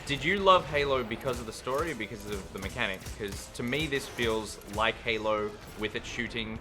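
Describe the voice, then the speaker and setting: A man's voice: medium pitch, moderate pace. A young man co-hosting a gaming show, teasing his friend and telling stories as they play. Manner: chatty, teasing, tells stories. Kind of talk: casual let's-play banter. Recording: game music behind.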